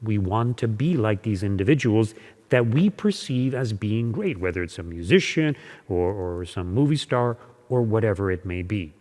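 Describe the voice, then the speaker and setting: Priest preaching in a reverberant church. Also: male voice, fairly low pitch, expressive, darkish tone. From born in Hungary, raised in Canada. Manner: measured preaching, slowing on key words. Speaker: parish priest. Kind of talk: Sunday homily.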